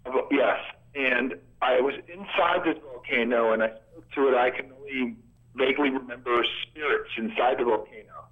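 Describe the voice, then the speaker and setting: A man's voice: medium pitch, moderate pace, slightly rough. A man calling in to a radio show, speaking hesitantly and stammering over a cell phone line whose audio glitches and breaks up. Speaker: caller. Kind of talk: call-in radio talk.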